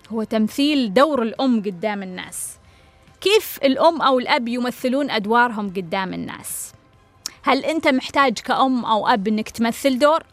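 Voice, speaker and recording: Fast-talking woman counselor. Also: on the high side, fairly bright tone, no room sound. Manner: earnest, repeats phrases for emphasis, asks listeners direct questions. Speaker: family counselor. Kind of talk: advice talk on a family case.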